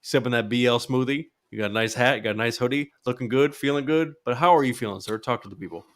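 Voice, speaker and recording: A man's voice: mid-range voice, fast talker. Male podcast host, playful hype-man energy, casual sports chat. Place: in Los Angeles.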